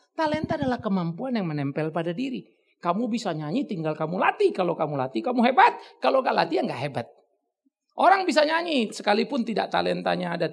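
A male pastor preaching a topical sermon, conversational and teasing, swinging between loud exclamations and soft asides. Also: high-pitched, creaky, slightly rough. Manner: conversational, teasing, uses slang.

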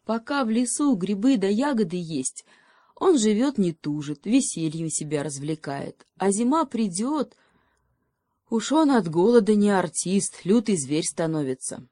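A woman's voice: mid-range voice, animated, unhurried, mellow, no room sound, clean studio sound. A woman voicing a sensible, fretting male hedgehog who reasons things through aloud. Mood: warning. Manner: thoughtful, reasoning, sighing.

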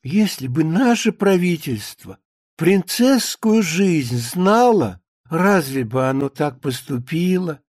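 A man's voice: on the high side, animated, slow pace, a little mellow, dry recording, clean studio sound, voice pushed up. A man reading a dreamy young maid. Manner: sighing, swooning over a novel. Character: young naive maid, dreamy romance reader. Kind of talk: dramatic reading of a play.

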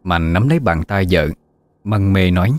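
A man narrating a ghost story in a steady, measured way. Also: low-pitched, no echo.

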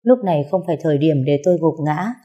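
A woman reading a first-person story aloud in a sorrowful, even storytelling manner. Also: deep voice, quick pace, breathy edge, highs cut off. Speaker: narrator.

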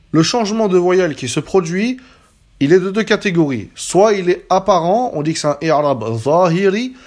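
A man with a fairly high voice teaches grammar in a patient, step-by-step way. He keeps checking that his listeners follow, asking if they're with him. He slows right down on each example word so it can be heard clearly. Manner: patient, checks understanding with frequent "d'accord?"; slows down to spell out Arabic example words. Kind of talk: explanatory lesson.

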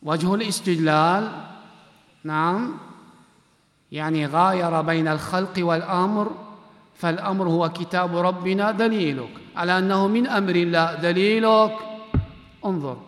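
A man's voice: high voice, fairly bright tone. Commanding man quizzing students, echoey hall. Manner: commanding and brisk, calling students up. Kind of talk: classroom quiz session. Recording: echoey hall with long reverb.

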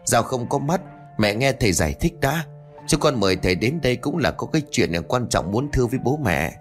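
A young daughter pleading gently with her mother, as a male storyteller puts her on. The voice rises and falls freely over quiet music. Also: medium pitch, sing-song, fairly quick, pitched above the performer's own voice, lightly acted.

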